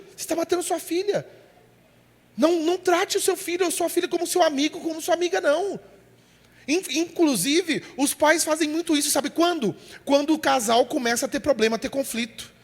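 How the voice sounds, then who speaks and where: A man's voice: very high voice, fairly quick, big-room sound. A man from preaching a sermon. He speaks emphatically, calls listeners "brother" and acts out the voices of the people he describes.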